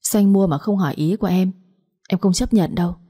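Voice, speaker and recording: A devoted young daughter in an audiobook love story, soft and comforting, as a woman reads her. Her voice is mellow and breathy. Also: mid-range voice, fairly quick, natural voice. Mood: protesting.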